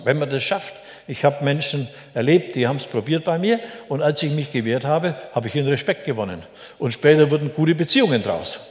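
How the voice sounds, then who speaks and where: Older man preaching in an echoey hall. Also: on the high side. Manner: chatty, folksy, frequent "ne?" asides. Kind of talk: sermon. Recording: echoey hall with long reverb.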